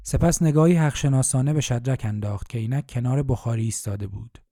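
A male storyteller reads in a calm, measured way. His voice is very dark and mellow. The recording is dry and close, with no room sound. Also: mid-range voice, no room sound. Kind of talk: scripted narration.

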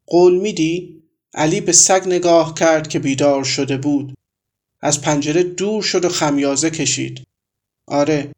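A man reads a short story aloud as its narrator. His pace is measured and his delivery even. His voice sits slightly higher than most men's.

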